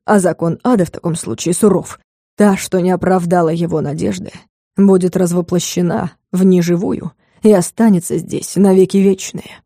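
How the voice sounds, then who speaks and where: A woman's voice: fairly even intonation, normal speed, gravelly, mellow, dry recording, clean studio sound. A woman voicing a scheming, pompous male lord of hell in a storybook reading. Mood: panicked. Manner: mocking, turns shrill and panicky.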